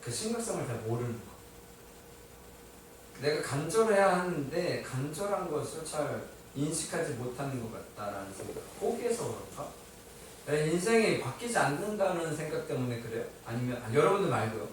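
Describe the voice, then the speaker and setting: Emphatic preacher in an echoey church. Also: male voice, fairly high pitch, moderate pace, slight background noise. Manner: asks the congregation questions and answers them himself; lively, emphatic preaching with light humor. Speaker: pastor. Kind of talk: sermon. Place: church sanctuary. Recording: echoey hall, mic at a distance.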